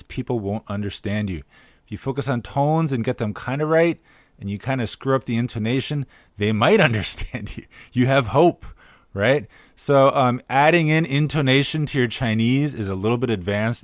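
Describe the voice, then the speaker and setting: A man's voice: medium pitch, a little fast, no room sound. A man co-hosts a podcast in an ordinary mid-range voice, explaining things patiently in a teacherly way. He slips in dry humor, and the recording is close and dry. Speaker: podcast co-host. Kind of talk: casual chat.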